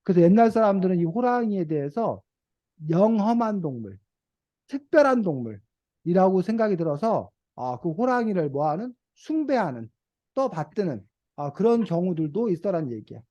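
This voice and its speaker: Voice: mid-range voice, very animated, normal speed, mellow, lo-fi sound. A reading teacher leading an online video class for children, patiently asking them questions. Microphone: video call.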